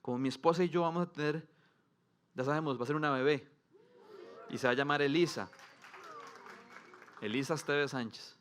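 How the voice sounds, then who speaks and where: A Costa Rican man in his thirties delivering a sermon, slightly higher-pitched than most men. He chats casually and jokes, then swells with force as he preaches. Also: moderate pace, long pauses, fairly bright tone. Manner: conversational and humorous, swelling with emphasis when preaching. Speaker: pastor.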